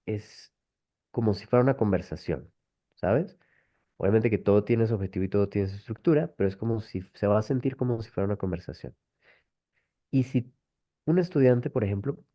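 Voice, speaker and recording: Man presenting a webinar over a lo-fi call, lower voice, explains calmly and patiently. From Colombia. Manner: explanatory, patient, rhetorical tag questions. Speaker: webinar host, language method presenter. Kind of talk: online webinar answering questions. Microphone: video call. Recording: dull lo-fi call audio.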